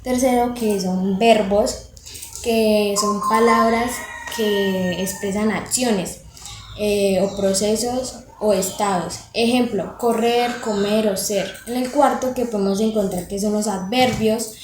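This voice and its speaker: A young woman reading a class presentation, listing examples in a slow, measured way with hesitant fillers. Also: medium pitch, steady tone. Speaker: student presenter. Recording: echoey room, faint background noise.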